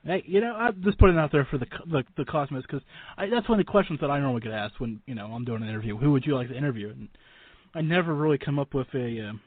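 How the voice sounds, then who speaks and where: This interviewer speaks very fast in a mid-range voice, and the recording sounds dry and narrow, like a phone line. As host of a casual interview, he's chatty and frequently repeats or interrupts himself.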